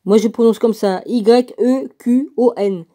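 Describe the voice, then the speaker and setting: A woman reads a religious text aloud at a slow, casual pace, spelling out names letter by letter and adding her own comments. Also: fairly high pitch, mellow. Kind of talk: casual reading aloud with asides.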